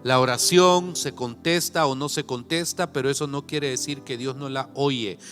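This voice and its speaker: A male pastor with a Salvadoran accent preaching a sermon, reading scripture slowly and then breaking into folksy conversational asides. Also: mid-range voice, steady tone, a bit bright. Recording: reverberant church hall with faint music.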